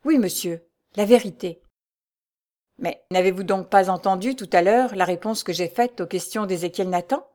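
A woman's voice: mid-range voice, normal speed, darkish tone, close to an everyday voice. Woman reading an ardent young nobleman. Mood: pleading.

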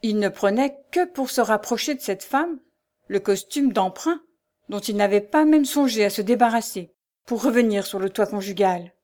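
A woman's voice: medium pitch, animated, moderate pace, a little mellow. Woman narrating a classic novel. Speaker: audiobook narrator.

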